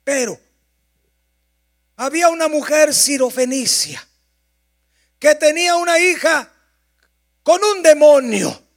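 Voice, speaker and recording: A male pastor, preaching a sermon with drawn-out emphasis and loud passages. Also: very high-pitched.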